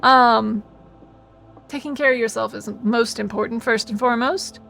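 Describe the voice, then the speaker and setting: Woman game streamer, high bright voice, cute bubbly anime-style delivery, casual chat over faint music. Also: normal speed, vocal fry. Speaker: video game live streamer. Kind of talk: casual livestream gameplay commentary.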